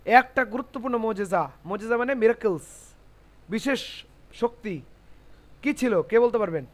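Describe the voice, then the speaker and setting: A man teaching Quran reading in a classroom lesson, explaining slowly, repeating rules and asking his class checking questions. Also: extremely high pitch. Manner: spells out Arabic letters syllable by syllable.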